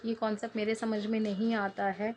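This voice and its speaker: A woman's voice: medium pitch, level tone, fairly quick, a little mellow, slight background noise. A woman in her thirties chatting casually in a home cooking vlog, rambling and joking as she talks. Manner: chatty, rambling, jokes and laughs. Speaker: cooking vlogger. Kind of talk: casual chat to camera.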